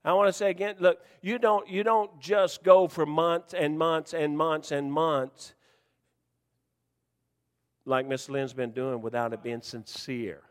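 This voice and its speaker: Male pastor, high-pitched, folksy and teasing, loud to hushed, church reverb. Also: a little slow. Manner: folksy, joking preacher who swings from shouting to hushed. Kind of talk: sermon.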